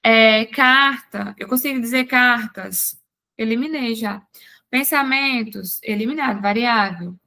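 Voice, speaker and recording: Woman teacher, slightly high voice, unhurried exam-prep grammar lesson, answers her own questions as she goes. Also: gravelly, sharp tone. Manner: explains step by step with quick rhetorical questions. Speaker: Portuguese teacher.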